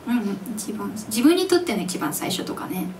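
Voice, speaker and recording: A young woman in her twenties, a singer chatting with her audience at her own live show, animated and giggly as she tells stories. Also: medium pitch, brisk. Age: 20s. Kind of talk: casual stage MC chat with the audience. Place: live music venue stage. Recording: distant mic in a live club, faint background noise.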